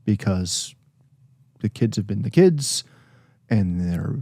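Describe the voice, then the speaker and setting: A man's voice: lowish voice, expressive, slow pace, warm tone, no echo, studio quality. A man co-hosting a casual podcast with his wife, blunt, plainspoken and self-deprecating. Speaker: podcast co-host.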